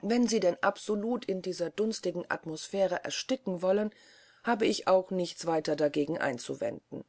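A woman voicing a brash, cheerful young man in a storybook reading, exclaiming slowly and with emphasis. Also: on the low side, expressive, darkish tone, no echo. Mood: breezy.

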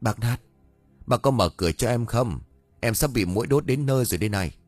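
A man's voice: medium pitch, animated, a little fast, no room sound, faint music behind, pitched above the performer's own voice, close to an everyday voice. A man putting on a whiny, cheeky young guy. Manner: whining, complaining, mocking.

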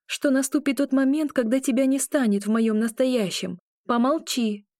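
A woman's voice: high-pitched, fairly even intonation, normal speed, darkish tone, dry recording, clean studio sound, pitched above the performer's own voice, close to an everyday voice. A woman voicing a frightened, hot-tempered young witch in a raised, emotional delivery. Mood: anxious, tender.

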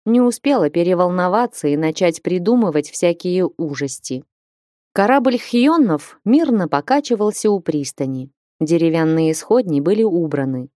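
A woman narrating a fantasy novel as an audiobook in steady storytelling. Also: lowish voice, normal speed, dry recording, clean studio sound.

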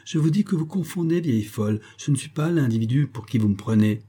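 A man doing a curt, respectable gentleman. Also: mid-range voice, animated, fast, slightly rough. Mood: scornful. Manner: curt, dismissive. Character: respectable, impatient young gentleman. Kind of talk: audiobook character voice.

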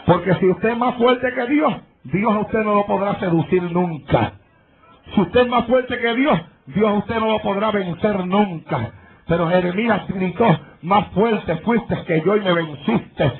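A male pastor preaching a fervent sermon before a congregation, breaking into shouts and speaking in tongues. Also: high voice, a little slow, slightly rough. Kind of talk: Pentecostal sermon. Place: church altar before congregation. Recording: tinny phone-like live church recording with crowd.

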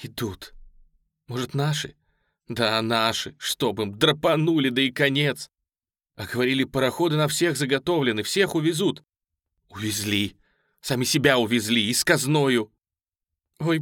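A man's voice: fairly high pitch, a little slow, hardly any pauses, darkish tone, no room sound, clean studio sound, voice pushed up, natural voice. A man reading a novel aloud, voicing a bitter woman in a refugee crowd who laments and mocks. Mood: bitter, lamenting.

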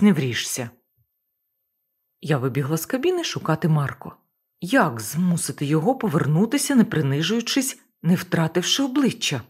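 In a low, husky voice, a woman reads a first-person novel aloud for an audiobook. Her intonation rises and falls widely, which gives the narration an expressive lift.

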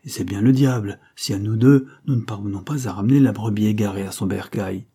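A man reading the part of an indignant old Breton nobleman uncle in a storybook, with an emphatic, scolding delivery and a low, husky voice. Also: a little fast, dark tone.

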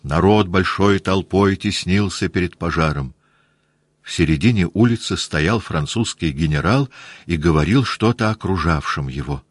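A man narrating a classic novel in a steady, measured reading. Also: low-pitched, husky, dry recording. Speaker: audiobook narrator.

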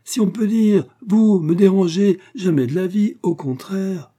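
A man's voice: medium pitch, animated, normal speed, dark tone, natural voice. A man voicing a talkative, fussy elderly woman fruit-seller in an audiobook. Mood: insistent, fond. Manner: eager, talkative, effusive.

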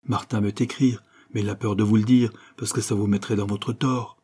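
A man reading the part of a frank young man who argues in a brisk, sardonic way. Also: on the low side, little pitch movement, dark tone, breathy edge. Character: frank, blunt young man, mocking lecturer.

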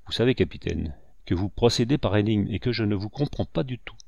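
A man's voice: on the low side, expressive, brisk, gravelly, darkish tone, dry recording, dull audio. A man voicing a grave, anguished male commander, proud and restrained, with stern, urgent questions.

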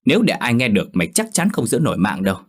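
Một người đàn ông giả giọng cô vợ trẻ kiêu căng, nói chua ngoa, khinh khỉnh. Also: male voice, mid-range voice, huge pitch swings, fast talker, husky, pitched above the performer's own voice. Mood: scornful. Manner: sharp, scornful. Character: haughty young woman, arrogant singer-wife.

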